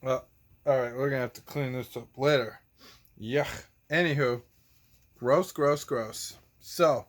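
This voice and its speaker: There's a faint hiss or hum under this man's medium-pitched voice. As a teacher who hosts a children's show, he casually presents toys to kids, goofing around theatrically and tossing in silly exclamations.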